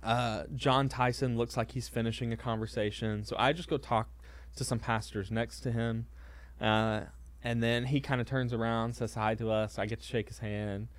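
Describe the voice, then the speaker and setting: A man's voice: mid-range voice, steady tone, moderate pace, dry recording. A man who is a pastor, telling a story in casual conversation, hesitant and self-deprecating, with lots of fillers and restarts.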